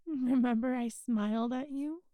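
A woman speaking softly and intimately in an audio roleplay, hushed and coaxing, sometimes dropping to a whisper, close to the mic. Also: high-pitched, a little slow, no room sound.

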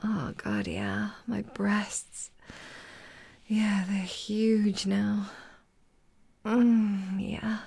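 Slow, breathy whispering woman. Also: mid-range voice. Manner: soft, sighing, often whispered. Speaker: audio roleplay performer. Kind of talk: intimate whispered roleplay monologue.

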